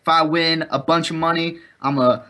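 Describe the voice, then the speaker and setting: A man's voice: fairly high pitch, steady tone, moderate pace, sharp tone. A man doing color commentary on an esports match, rambling through his analysis and confidently boasting that his predictions came true. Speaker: esports caster.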